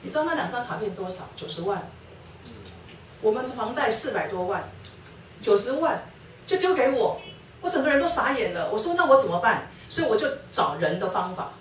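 A woman's voice: a little high, very animated, a little fast. Woman, telling her story in an echoey hall. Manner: storytelling, acting out quoted dialogue. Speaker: guest speaker sharing her testimony with her husband. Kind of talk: personal testimony talk at a church lecture. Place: church lecture hall. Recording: roomy hall, distant mic, faint noise.

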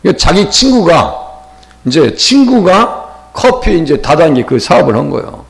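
A middle-aged pastor from Chungcheong preaches in a lively voice that climbs and falls widely. His slight Chungcheong accent colors a chatty sermon full of questions to the congregation, with a gravelly edge to his somewhat high voice. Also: normal speed. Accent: Chungcheong Korean. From Chungcheong, Korea. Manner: conversational preaching with rhetorical questions.

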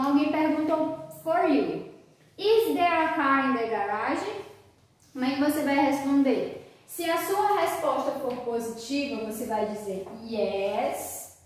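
A high-pitched woman teacher walks through grammar in a video lesson. She drawls her model sentences slowly and carefully, then answers her own rhetorical questions. The sound rings around a very echoey room. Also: darkish tone. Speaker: English teacher.

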